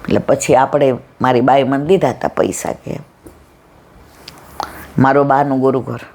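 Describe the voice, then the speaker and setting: A woman's voice: a bass voice, steady tone, a little slow, darkish tone. A woman giving a devotional satsang talk. She tells stories from her memories and acts out what people said. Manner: reminiscing, quotes people in little voices. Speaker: satsang speaker.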